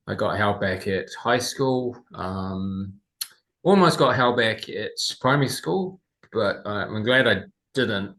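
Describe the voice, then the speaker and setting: Halting low-voiced Kiwi man. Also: fairly bright tone, rough recording. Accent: New Zealand. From New Zealand. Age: 40s. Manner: halting, with many pauses and fillers. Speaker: interview guest. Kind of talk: remote interview.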